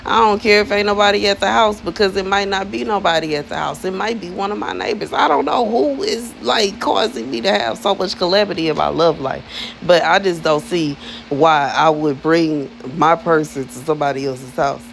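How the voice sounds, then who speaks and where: A spiritual influencer in her thirties speaks to her viewers in a lowish, creaky voice at a moderate pace, recorded roughly with some hiss or hum. Her monologue is casual and chatty, slangy and emphatic, and she often repeats herself for effect.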